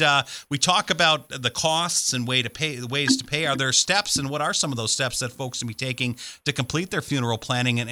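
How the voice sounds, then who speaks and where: A male radio host with a very bright, sharp voice reads out contact details and introduces listener questions in a steady announcer manner. His voice is recorded close and dry, with no room sound around it. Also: mid-range voice, dry recording. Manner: announcer-like, reads web address and phone number. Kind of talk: radio show hosting and announcements.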